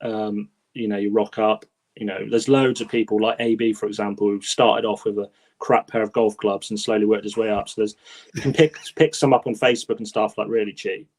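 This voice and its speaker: A man's voice: lowish voice, steady tone, fairly quick, a little mellow. A man, co-hosting a casual podcast chat, talking with enthusiasm and rambling restarts. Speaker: podcast co-host.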